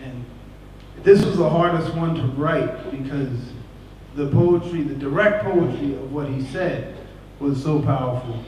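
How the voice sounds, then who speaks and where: A man delivers spoken-word poetry from a concert stage, his voice pitched a little high and his pace very slow and deliberate. His reading is intense and dramatic, rising and falling sharply in pitch and loudness. The sound rings through a very echoey hall, picked up from a distance with a faint hiss beneath. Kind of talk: live spoken-word performance. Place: stage of a large concert venue. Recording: echoey hall recorded from far off.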